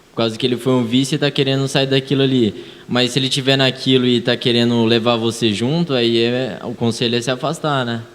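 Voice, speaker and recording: A young man from Brazil with a São Paulo accent, telling a personal story casually with many fillers at a church youth meeting. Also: medium pitch. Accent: São Paulo Portuguese. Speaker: youth group member. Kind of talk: casual testimony. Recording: reverberant church hall.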